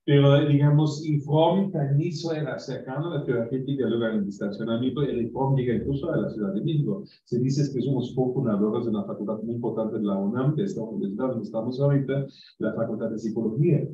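A man's voice: medium pitch, fast talker, dark tone. A man presenting a book at an academic conference, talking off the cuff in a digressive way, with many tag questions and restarts. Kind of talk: spontaneous academic talk. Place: university venue. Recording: roomy, distant, dull live-stream audio.

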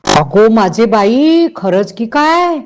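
A woman voicing a blunt, outspoken older aunt who teases and scolds loudly, in a read-aloud novel. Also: a little high, animated, unhurried, a little hiss or hum, pitched above the performer's own voice. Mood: teasing, scolding. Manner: loud, scolding, exclaiming.

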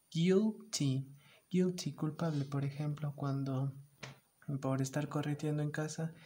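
A man's voice: medium pitch, mellow. A man teaching an online lesson to young children, acting out emotions and repeating the English words emphatically.

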